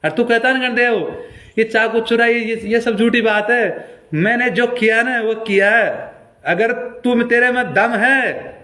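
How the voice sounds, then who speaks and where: A man's voice: very high-pitched, steady tone, unhurried, pushed and bright. A male folk singer with a Rajasthani accent, delivering an angry, confrontational appeal on a live stream and repeating his challenges.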